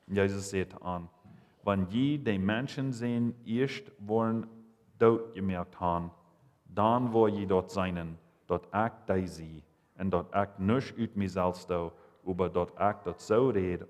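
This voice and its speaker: A man reading Bible passages and commenting, halting and restarting as he goes. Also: deep voice, a little mellow. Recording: long reverb, hall.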